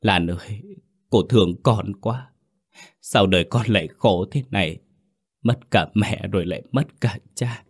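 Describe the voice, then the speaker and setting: A man's voice: lowish voice, a little slow, husky. A man voicing a tender young woman comforting an orphaned child in a storybook ghost tale. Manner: gentle, pitying.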